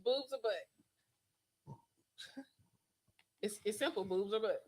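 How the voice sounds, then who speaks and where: A woman's voice: mid-range voice, takes it slowly, husky. A woman co-hosting a podcast, teasing and giggling as she presses the others for answers. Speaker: podcast co-host asking questions. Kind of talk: casual banter.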